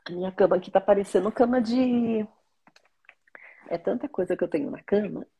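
Mellow, breathy Brazilian woman in her forties. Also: mid-range voice. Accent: Brazilian Portuguese. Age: 40s. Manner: chatty, devout, reads slowly and earnestly. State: pregnant. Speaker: vlogger. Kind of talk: casual faith vlog with psalm reading. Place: small bedroom.

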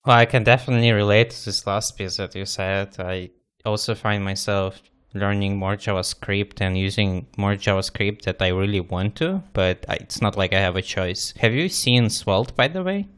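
A man's voice: on the low side, moderate pace, a bit bright, clear, resonant tone. A man hosting a casual panel chat in an encouraging manner. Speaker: host.

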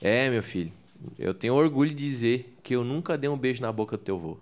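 A man's voice: mid-range voice, a little fast. A man casually telling family stories in a chatty, slangy way, acting out the people he quotes. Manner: animated storyteller, slangy, acts out quotes. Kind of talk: casual storytelling chat.

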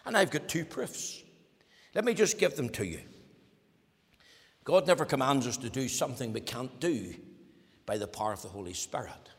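A man preaching a sermon as pastor, emphatic, moving from loud declarations to near-whispers. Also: medium pitch, expressive, normal speed, pauses often. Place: church. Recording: long church reverb.

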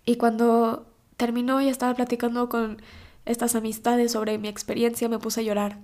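A woman's voice: on the high side, flat delivery, moderate pace, darkish tone. A young woman with a Mexican accent in her twenties, speaking an intimate, emotional personal monologue on her podcast. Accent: Mexican Spanish. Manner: emotional, confessional, teary at times. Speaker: podcast host.

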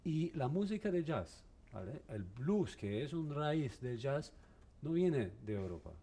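Halting man teaching a violin masterclass. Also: fairly high pitch, big pitch swings, warm tone. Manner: halting, mixes in English words, asks the class questions.

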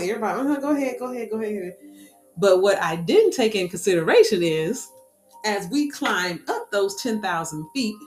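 Woman, casual storytelling, animated, echoey room, faint background music. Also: mid-range voice. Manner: lively, animated retelling with quick asides. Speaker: speaker sharing a personal story.

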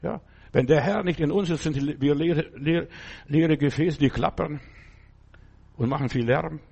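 A man's voice: fairly high pitch, moderate pace, creaky, darkish tone, husky, lo-fi sound. An older man preaching a sermon as pastor, talking conversationally and often turning to the listener with asides.

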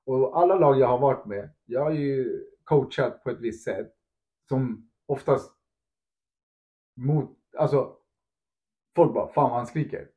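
A man in a casual podcast chat who speaks as a football coach. He talks in an animated way, acts out little quotes, mixes in English phrases and keeps asking if the listener follows. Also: medium pitch, pauses often, narrow, tinny audio. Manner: asks "förstår du?" often.

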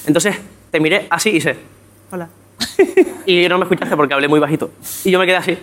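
Teen boy guest, relaxed and chatty, quick and a bit high-pitched. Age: teens. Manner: relaxed, chatty, says "¿sabes?" a lot. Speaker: young guest. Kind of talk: casual chat.

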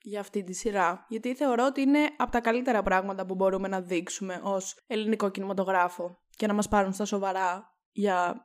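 A woman's voice: mid-range voice, fairly even intonation. A young woman hosting a podcast, chatting casually and rambling, often correcting herself. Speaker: podcast host. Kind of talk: casual chat.

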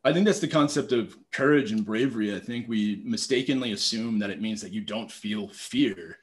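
A man in his thirties telling stories as a podcast guest, lively and conversational, acting out his own thoughts with lots of "like". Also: on the low side, moderate pace. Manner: animated, storytelling, acts out quoted thoughts, heavy use of "like". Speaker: podcast guest, public speaking teacher. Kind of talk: casual conversational interview.

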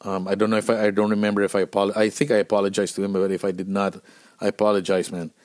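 A man's voice: fairly low pitch, fast talker. Profane man telling road stories. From Philippines. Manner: profane, animated storytelling with many fillers and restarts. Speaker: podcast host. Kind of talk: casual storytelling podcast.

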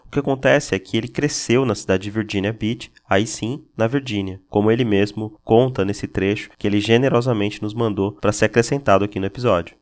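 A man's voice: on the low side, fairly quick, hardly any pauses, darkish tone. A male podcast host reading a short scripted correction in a plain, informative way. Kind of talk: scripted announcement.

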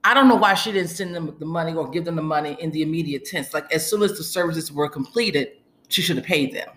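A woman's voice: low-pitched, fast, fairly bright tone, slight background noise. A woman giving a casual, emphatic recap monologue as a commentator, repeating phrases for stress and acting out quotes as she retells them. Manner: acts out quoted lines while retelling. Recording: echoey room.

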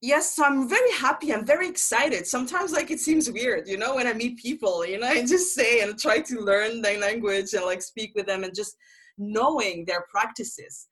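A woman's voice: on the high side, normal speed, a bit bright, breathy edge, poor audio. A woman from Algeria hosting a podcast interview, enthusiastic and chatty, laughing often. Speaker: podcast host. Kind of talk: casual interview chat.

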